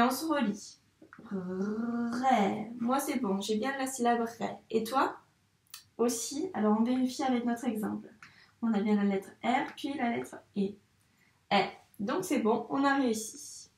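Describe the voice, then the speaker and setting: A fairly high-voiced woman teacher guides young children through handwriting, slow and encouraging, talking straight to the child. Her voice sounds a little distant from the mic. It echoes around the room. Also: a little mellow. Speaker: primary school teacher.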